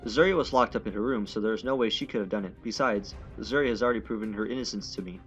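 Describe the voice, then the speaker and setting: A fast-talking man with a voice on the low side narrates and reads dialogue from a visual novel as a let's player. He often stumbles and corrects himself, and the recording sounds dull with game music in the background.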